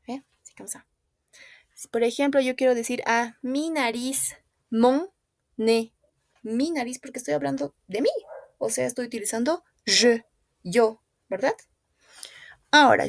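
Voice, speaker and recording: A woman's voice: on the high side, creaky, no room sound, studio quality. A woman teaching a French class in Spanish, patiently repeating words and checking often that students follow. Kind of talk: classroom language lesson.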